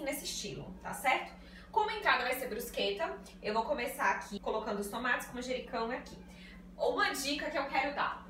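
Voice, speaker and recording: Uma jovem mulher conversando com quem assiste enquanto cozinha e explica cada passo de uma receita na cozinha de casa. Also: female voice, on the high side, fairly bright tone, slight background noise. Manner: chatty, explains each step to viewers. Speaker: cooking vlogger. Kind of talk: casual cooking vlog. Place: small tiled home kitchen. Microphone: phone on a tripod. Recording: echoey room, distant phone mic, background music.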